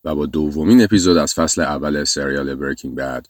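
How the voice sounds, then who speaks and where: A man, a teacher, explaining in his own language and repeating English phrases slowly and clearly. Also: rumbling low, no echo, studio quality. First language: Persian.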